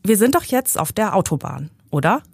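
A woman's voice: medium pitch, big pitch swings, normal speed, no room sound, heavily acted. A woman reading aloud from her novel, voicing a fussy, condescending young man who lectures the driver. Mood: smug. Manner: smooth, pedantic and condescending. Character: smug, fussy young man, know-it-all passenger.

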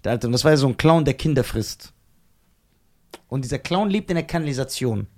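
A woman co-hosting a casual chat, telling a story with lively energy and acting out what people said. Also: rumbling low, a little fast. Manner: lively storyteller who acts out quoted voices.

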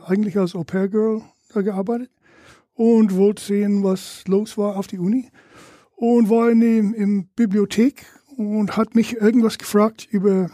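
An older man from Louisiana with an American accent, a native English speaker, chatting as a podcast guest in halting German and searching for his words. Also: sits high, dark tone, dry recording, clean studio sound. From Louisiana, USA. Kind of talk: casual interview chat.

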